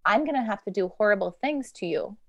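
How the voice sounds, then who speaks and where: A woman voicing a calm, solemn little girl soul as she retells a children's story. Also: medium pitch, fast talker, highs cut off.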